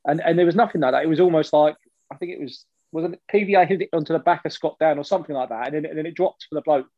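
A man co-hosting a casual football podcast, talking in an animated way with casual slang. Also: a little high, racing, no room sound, dull audio. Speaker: podcast co-host.

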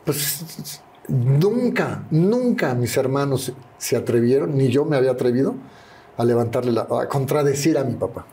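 A man's voice: medium pitch, expressive, normal speed, warm tone. An older man with a Mexican Spanish accent, telling anecdotes as an interview guest and acting out the voices of people he quotes. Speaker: interview guest, retired wrestler. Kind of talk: casual storytelling interview.

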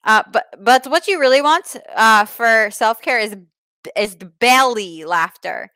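A woman playing a foreign self-care adviser who speaks in broken, halting English with many restarts. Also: fairly high pitch, expressive, pushed and bright, clear, resonant tone, no room sound. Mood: deadpan advice. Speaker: comic advice giver. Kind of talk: improvised comedy bit.

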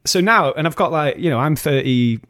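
A man's voice: a little high, expressive, brisk, a bit bright, no room sound, studio quality. A man in his thirties chatting casually and animatedly, rambling through a story about his life. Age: 30s. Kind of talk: casual podcast chat.

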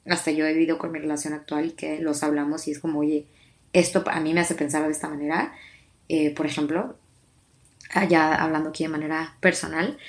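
A young woman in her twenties with a Mexican accent, hosting a podcast in a chatty, confiding way, with many fillers and restarts. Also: sits low. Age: 20s. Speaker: podcast host. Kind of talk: casual personal podcast monologue.

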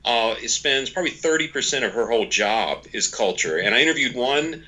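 A man in his forties, an author and organization leader, appears as a podcast guest in a low-quality recording. His mid-range voice is expressive, a little fast, pushed and bright as he explains ideas in a folksy, emphatic way with repetition and quoted asides.

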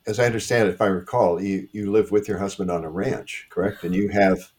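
Deep-voiced guy host, friendly, lots of uhs as he asks stuff. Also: steady tone, a little mellow. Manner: friendly, hesitant, many "uh" pauses. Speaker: podcast host. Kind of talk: interview questions.

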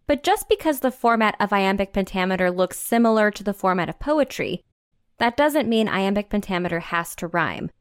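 A woman co-hosting a podcast, reading a scripted explainer in a clear, measured, teacherly way. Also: mid-range voice, expressive, no echo, studio quality. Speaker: podcast co-host.

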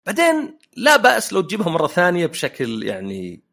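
Quick, lively man. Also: high-pitched, creaky. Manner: anecdotal, joking storyteller. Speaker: podcast host. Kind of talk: casual podcast chat.

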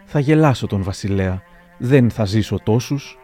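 A man's voice: fairly low pitch, lively intonation, mellow, faint music behind, natural voice. A man reading as a sly old general. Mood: wry. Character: proud old male general, blunt and sly.

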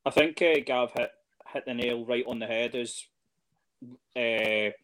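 A man's voice: mid-range voice, a little slow, a bit bright. Hesitant man talking casually. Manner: hesitant, lots of fillers and restarts. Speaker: podcast guest, fan. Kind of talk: casual chat.

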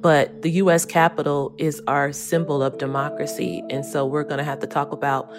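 A woman's voice: low-pitched, flat delivery, normal speed, over music. A woman newspaper correspondent recounting what she saw, in a conversational, reflective way. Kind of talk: recounting in an interview.

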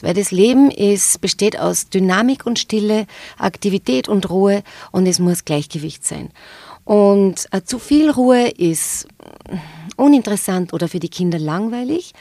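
A yoga and meditation teacher with an Austrian accent, answering interview questions calmly and thoughtfully, pausing often with hesitations. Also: female voice, fairly low pitch, creaky, dry recording. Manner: calm, thoughtful, with frequent hesitations. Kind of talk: podcast interview.

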